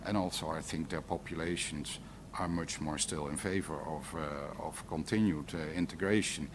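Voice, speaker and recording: A man with a bass voice speaks at a moderate pace, offering remarks at a conference round table as a panel speaker and hesitating while he searches for words. It's a live conference recording with faint noise.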